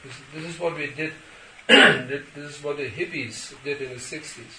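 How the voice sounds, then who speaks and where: An older man, a spiritual teacher, answers questions in short phrases, pausing for an interpreter. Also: fairly high pitch, sharp tone. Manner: measured, pauses for translation. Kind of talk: sermon Q&A with interpreter. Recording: echoey hall, distant mic, background noise.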